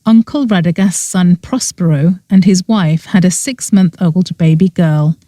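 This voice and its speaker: A woman narrates a cozy mystery audiobook with a mellow, relaxed tone and a slightly low pitch. She tells the story expressively, and the recording is close and dry. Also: no echo.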